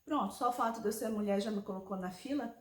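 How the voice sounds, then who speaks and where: A woman's voice: mid-range voice, fast. A woman in her forties explaining a health topic in a conversational personal vlog, often checking in with the viewer. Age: 40s. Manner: conversational, explanatory, with frequent tag questions. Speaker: vlogger. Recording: echoey room.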